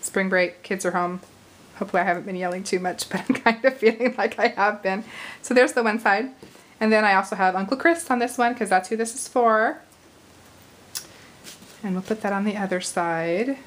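A woman in her thirties hosting a casual crafting tutorial, chatty and a little hoarse, with apologetic asides while she works at arm's length from the camera. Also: mid-range voice, normal speed, rough recording. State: slightly hoarse, losing her voice. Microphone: camera at arm's length over the craft table.

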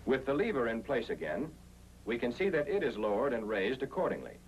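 With big swings in his mid-range voice and a fairly quick delivery, an American man narrates a military training film. He goes step by step in 1940s instructional style, over a noisy soundtrack with hum.

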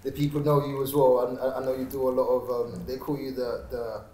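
A man's voice: medium pitch, level tone, fairly quick, mellow. A man hosting a casual podcast interview, asking long, looping questions with repeated words. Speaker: podcast host. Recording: roomy studio with faint hiss.

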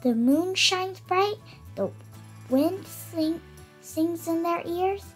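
Over soft background music, a girl of about eight reads a picture book very slowly in a very high, expressive voice. She takes care with the text but trips over some words.

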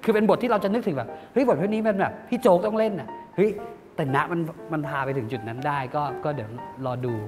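A man who directs a series, chatting in an interview and telling lively behind-the-scenes stories. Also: high-pitched, quick pace. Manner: animated storytelling, acts out quotes. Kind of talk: casual interview chat. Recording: reverberant studio with background music.

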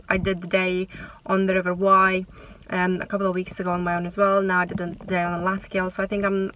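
A woman's voice: mid-range voice, a bit bright, distant mic, rough recording. Chatty, upbeat woman, a bit off mic. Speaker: fishing vlogger. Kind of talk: casual vlog talk.

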